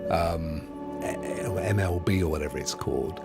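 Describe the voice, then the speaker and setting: A man's voice: sits low, unhurried, creaky. A British man hosting a casual gaming chat stream, jokey and rambling, often correcting himself, with faint music behind him. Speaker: host.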